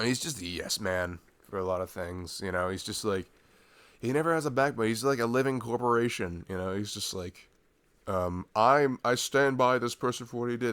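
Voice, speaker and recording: An audio roleplay performer plays a boyfriend in an ASMR piece, chatting informally and intimately as he rambles and rants, breaking into chuckles and sighs. His voice is fairly low, a bit bright, with no echo.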